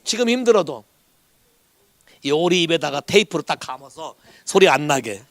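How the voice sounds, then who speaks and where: A man preaching a Sunday sermon as pastor, lively and animated, who keeps asking the congregation whether they agree and drops English words into his Korean. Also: on the high side, moderate pace, no echo. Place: church in Hawaii.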